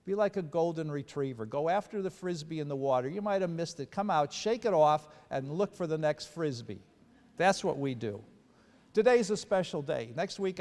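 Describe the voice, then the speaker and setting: A middle-aged man delivers a motivational welcome speech at a ceremony. His voice is fairly high with a creaky edge, and it rings through a reverberant hall. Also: a little mellow. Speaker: faculty speaker welcoming new students.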